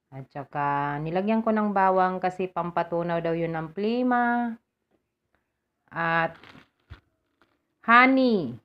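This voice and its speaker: A middle-aged woman with a cough, chatting casually and explaining a home remedy step by step in a home vlog. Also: deep voice. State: has a cough. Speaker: vlogger.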